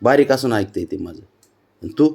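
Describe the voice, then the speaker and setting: A man's voice: medium pitch, lively intonation, moderate pace, gravelly, a little mellow, slightly rough, soft background music. A man at home chatting to his cat, coaxing and teasing it in baby talk. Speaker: cat owner filming his pet. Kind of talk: casual talk to a pet.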